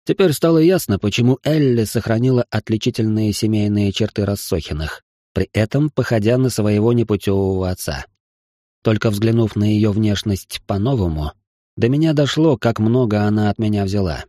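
Male first-person audiobook narrator, measured reading, warm low tone, dead-dry booth sound. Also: no room sound.

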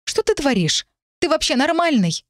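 In a storybook, a woman reader plays a stubborn, tearful young woman who yells in a higher pitch, voice lifting well above her usual low tone. The recording is close and dry, with no room sound. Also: lively intonation, brisk, no echo, lightly acted. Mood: indignant. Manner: shouting in raised pitch.

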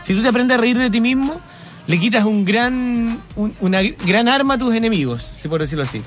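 A man's voice: extremely high pitch, expressive, brisk, faint music behind. A man with a Chilean accent co-hosting a radio show in casual chat, joking and rambling and laughing at himself. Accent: Chilean Spanish. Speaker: radio co-host. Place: radio studio.

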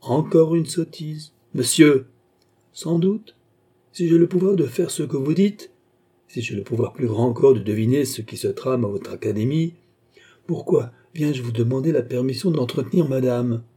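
A man reading an audiobook, voicing a suave masked nobleman who needles his rival with calm, polite irony. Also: medium pitch, moderate pace, lightly acted. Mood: mocking. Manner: smooth, ironic, polite needling.

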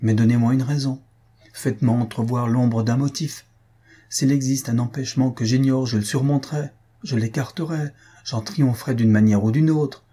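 A man's voice: mid-range voice, steady tone, moderate pace, warm tone, husky, close to an everyday voice. A man voicing an anxious male fiancé who presses with urgent, insistent questions.

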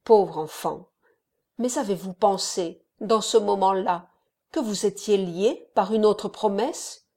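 A woman voicing an elderly kindly male friar who gives gentle, fatherly counsel. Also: mid-range voice, takes it slowly.

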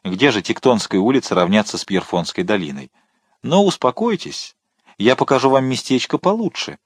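A man's voice: mid-range voice, very animated, moderate pace, dry recording, studio quality. A man doing a teasing veteran musketeer. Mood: cheerful. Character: bold mocking male musketeer, veteran soldier.

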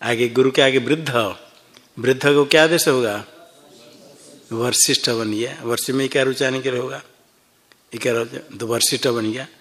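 A man's voice: medium pitch, steady tone, moderate pace, long pauses, a bit bright. A man teaching a classroom Sanskrit grammar lesson, explaining each form step by step and quizzing his students as he goes. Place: ashram classroom.

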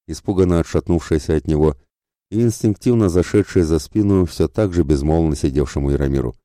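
A man narrating an adventure audiobook in a steady, measured storytelling manner. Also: extremely low pitch, no echo, studio quality. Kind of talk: scripted narration.

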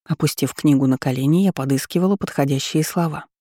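A woman narrating a novel in the first person, calm and even. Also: deep voice, fast, dry recording, studio quality. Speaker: audiobook reader.

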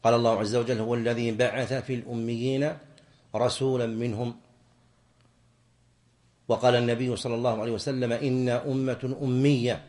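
A man teaches a classroom lesson at an even, middle pitch. He explains each point deliberately and breaks off to toss short questions to his students. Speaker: sheikh teaching jurisprudence. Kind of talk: classroom lesson on Islamic law.

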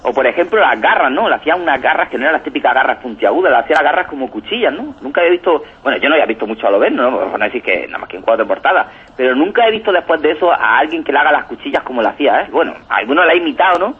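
On a casual radio chat with tinny, phone-like audio, a comics reviewer talks fast in a husky, slightly high voice with big pitch swings. He's enthusiastic and rambling, constantly tagging on "¿no?"

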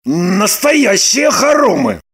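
A woman's voice: mid-range voice, expressive, a little slow, lightly acted. A woman reading an audiobook and voicing a wry, teasing middle-aged man who argues stubbornly. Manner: dry joking, stubborn. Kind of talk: audiobook character voice.

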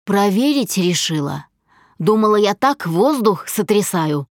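A woman's voice: mid-range voice, sing-song, unhurried, no room sound, clean studio sound. A woman voicing a domineering, jealous husband who speaks harshly and in clipped phrases. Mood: menacing.

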